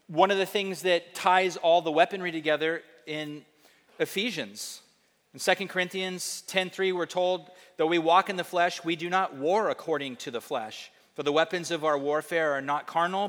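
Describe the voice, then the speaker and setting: A man preaching a sermon as pastor, animated, acting out quoted voices in a higher pitch. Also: big-room sound.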